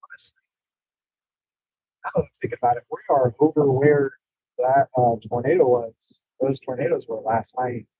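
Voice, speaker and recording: A man giving casual live commentary as a storm chaser, in an offhand but excitable way, over a phone stream. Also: mid-range voice, moderate pace, husky, no echo. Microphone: phone livestream. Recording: muffled, lo-fi mobile livestream.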